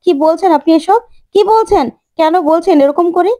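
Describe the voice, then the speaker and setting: A woman's voice: sits high, brisk, dark tone, no room sound, studio quality, lightly acted. A woman voicing a distraught, guilt-ridden mother who keeps repeating herself through tears. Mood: indignant.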